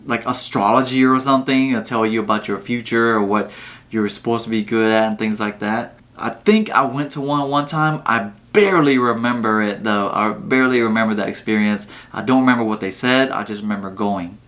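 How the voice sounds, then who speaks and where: Relaxed low-voiced man reacting. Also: brisk. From Vietnam. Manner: relaxed, rambling with fillers. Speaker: channel host. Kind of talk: casual reaction commentary.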